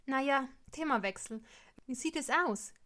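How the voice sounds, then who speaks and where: A woman reading as a chatty young woman, cheerful, fairly high voice. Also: lively intonation, unhurried, a bit bright.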